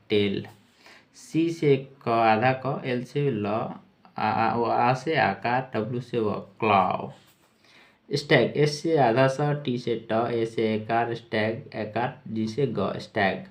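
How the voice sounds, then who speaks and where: A man teaching English vocabulary in Hindi, spelling each word letter by letter and repeating words slowly. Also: medium pitch. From India. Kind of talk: slow spelled-out vocabulary lesson.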